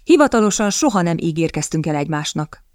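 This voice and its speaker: A woman reading the part of a sulky, cowardly young gentleman who whines and stammers. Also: fairly low pitch, big pitch swings, no room sound, clean studio sound. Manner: whiny, stammering.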